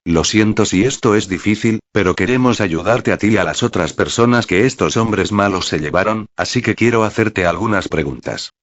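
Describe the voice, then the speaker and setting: A man's voice: normal speed, few pauses, lightly acted. A man reading as a kind, patient young officer. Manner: low and calm. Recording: dull, dry lo-fi recording.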